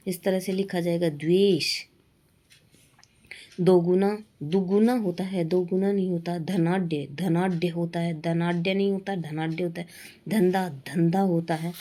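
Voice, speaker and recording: A woman's voice: lowish voice, steady tone, slow pace, long pauses, mellow. A woman teaching a Hindi exam-prep lesson with an Indian accent, steadily listing wrong and correct spellings. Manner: drills words, stating wrong then right spelling.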